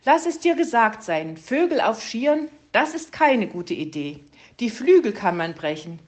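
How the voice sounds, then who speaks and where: A woman's voice: fairly high pitch, sing-song, measured pace, darkish tone, pitched above the performer's own voice. A woman reading a storybook and voicing a chatty, nosy female magpie who talks on and on. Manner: talks on and on, fussy.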